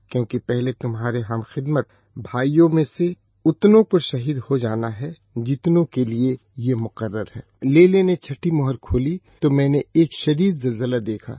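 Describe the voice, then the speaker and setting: A man with a husky voice reading scripture aloud in a measured, solemn manner. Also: medium pitch, dry recording. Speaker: scripture reader. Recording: dull, slightly lo-fi dry recording.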